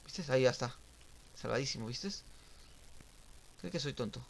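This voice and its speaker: A young man streaming a game, giving casual live commentary that swings from muttering to sudden shouts and sing-song teasing. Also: medium pitch, normal speed, creaky, slight background noise. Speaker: gaming streamer.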